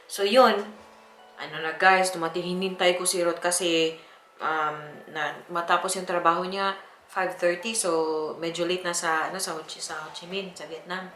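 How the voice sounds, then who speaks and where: A woman's voice: on the low side, fairly even intonation, moderate pace, a bit bright, a little hiss or hum. A young woman from the Philippines, telling a personal story to her viewers in a chatty way with frequent laughs. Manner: chatty, laughing often, with many fillers. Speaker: vlogger. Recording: echoey room.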